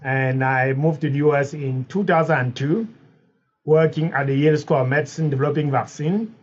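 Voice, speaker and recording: A man's voice: a little high, normal speed. Earnest middle-aged man from Cameroon. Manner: earnest, reflective storytelling. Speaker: podcast guest, biology professor. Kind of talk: interview answers. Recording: dull lo-fi sound.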